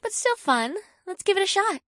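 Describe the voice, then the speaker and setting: A man voicing an excitable, teasing young woman student in a high, girlish voice. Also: moderate pace, no room sound, clean studio sound, exaggerated voice.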